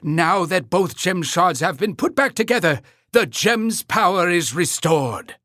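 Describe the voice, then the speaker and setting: High-voiced, animated cartoon Mayor Say-So. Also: male voice, measured pace, no room sound, clean studio sound, heavily acted. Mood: excited, hopeful. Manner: grandiose, theatrical, emphatic announcing. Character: pompous, earnest male cartoon mayor of a creature town. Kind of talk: scripted video game narration.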